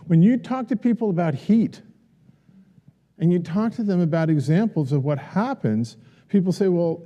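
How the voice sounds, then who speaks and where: Earnest professor, dark voice, long auditorium reverb. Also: male voice, medium pitch. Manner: earnest, repeats questions for the audience. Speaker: professor giving a symposium talk. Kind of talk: lecture and audience Q&A. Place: university auditorium.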